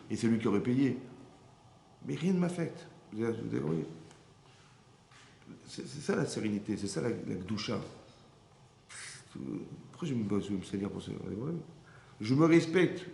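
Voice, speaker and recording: A low, gravelly male voice fills an echoey room with a faint hum behind it. He is a rabbi giving a Torah lesson. He keeps turning to his listeners to make sure they are following him. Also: dark tone. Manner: keeps checking with listeners, repetitive asides. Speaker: rabbi teaching a class.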